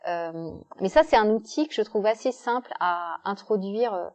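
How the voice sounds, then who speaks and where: A woman with an expressive, darkish mid-range voice speaks at a normal speed as a guest speaker at a club meeting. Her explanatory talk walks through everyday examples, with frequent hesitations along the way.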